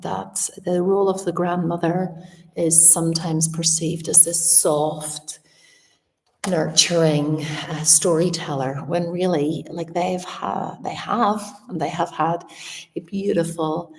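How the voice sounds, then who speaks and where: A woman's voice: on the low side, gravelly, darkish tone. Echoey distant recording, middle-aged woman, slight slushy lisp, casual livestream chat, reflective. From Northern Ireland. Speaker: artist and art teacher hosting a live Q&A. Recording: echoey room, distant from the mic.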